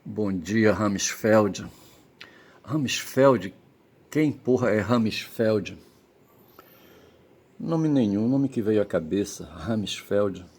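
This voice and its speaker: Hungover man for casual rambling commentary; deep, creaky voice, halting delivery. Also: expressive, a little mellow. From Brazil. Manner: halting, repeatedly checks with tag questions. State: hungover, tired. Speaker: vlogger giving commentary.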